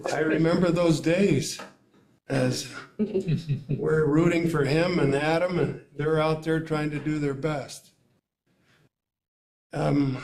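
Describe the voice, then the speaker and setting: An older man speaking at a school board meeting, emotional and tearful, rambling with many pauses and fillers. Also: on the high side, darkish tone, a little hiss or hum. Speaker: parent addressing school board. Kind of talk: public comment at a meeting. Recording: echoey meeting room.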